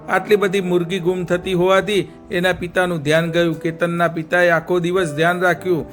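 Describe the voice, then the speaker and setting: A male storyteller narrating a children's story and speaking directly to young listeners with a moral. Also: high voice.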